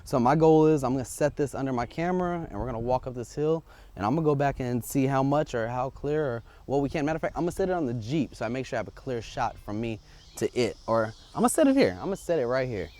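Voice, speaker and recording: Walking up a residential street outdoors, a vlogger testing audio gear records an unscripted, casual vlog on a wireless lavalier clipped to his shirt, chatting informally and thinking aloud. His medium-pitched voice is animated and a little mellow, with a quick pace.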